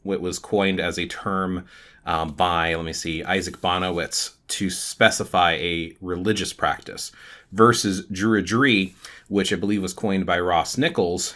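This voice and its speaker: A man hosting his own channel, talking through his thoughts in a thoughtful, explanatory way with frequent pauses. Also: low-pitched, fairly even intonation, a bit bright. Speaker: channel host. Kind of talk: casual talk to camera.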